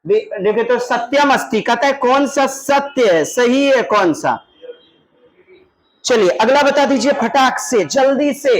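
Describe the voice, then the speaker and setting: A man's voice: very high-pitched, a little slow, a little hiss or hum, poor audio. A middle-aged male teacher leading an online exam-prep class, drilling his students by repeating terms and calling out prompts for them to answer.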